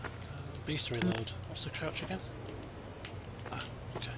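A man giving casual let's play commentary with a slightly croaky voice, muttering asides and exclamations as he plays. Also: a little high, expressive, normal speed, very noisy. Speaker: gaming video host. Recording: loud game music and sound behind. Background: video game music and sound effects.

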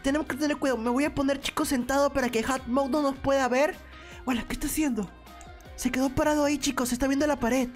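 A woman hosting a gaming video, commenting excitedly to viewers and repeating phrases urgently over background music. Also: sits high. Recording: music behind the voice.

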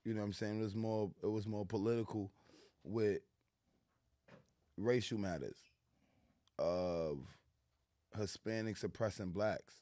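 A middle-aged New York man talks in a laid-back street manner, leaning on fillers. His voice sits very low with a dark, mellow tone. The sound is dry and close, from a studio boom mic. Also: steady tone, a little slow, long pauses, no room sound. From New York City. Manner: laid-back street talk with many "you know what I'm saying" fillers. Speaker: guest. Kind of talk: casual interview. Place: small studio lounge with plants, indoors. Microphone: studio mic on a boom arm.

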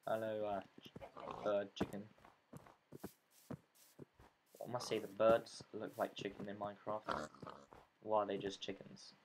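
A man's voice: on the low side, steady tone, takes it slowly, long pauses. A man hosting casual let's play commentary from his bedroom, rambling and self-mocking, often dropping to a whisper. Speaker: gaming channel host. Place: bedroom at home. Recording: noisy home recording.

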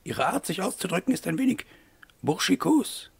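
Male reader doing a prim older ex-nurse, high insistent voice, gravelly undertone. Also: very animated, normal speed, heavily acted. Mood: lecturing. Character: prim older woman, former nurse, probing. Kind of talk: audiobook reading.

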